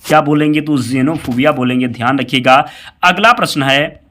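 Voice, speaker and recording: Pushed and bright, his mid-range voice moves at a normal speed, with a slight hoarseness from fever. Teaching an exam-prep quiz, he reads every question and its options, says the answer again, and repeatedly reminds the viewer to remember it.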